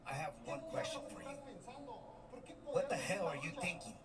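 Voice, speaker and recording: A man's voice: high-pitched, sing-song, moderate pace. A man playing a scheming, confrontational character in a pro wrestling backstage promo. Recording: distant TV playback, loud crowd noise.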